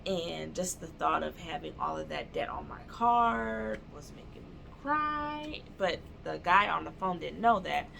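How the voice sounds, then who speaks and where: A woman's voice: deep voice, measured pace, creaky, few pauses, a bit bright, a little hiss or hum. A woman in her twenties telling an indignant storytime in a vlog, with music underneath. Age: 20s. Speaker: vlogger.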